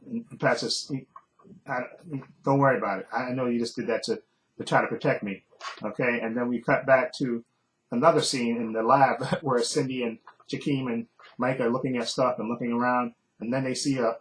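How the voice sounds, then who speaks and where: A man's voice: medium pitch, fairly bright tone, poor audio. Rambling man recapping a TV episode. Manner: rambling, with many fillers and frequent chuckles. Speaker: TV show reviewer. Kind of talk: casual spoken episode recap.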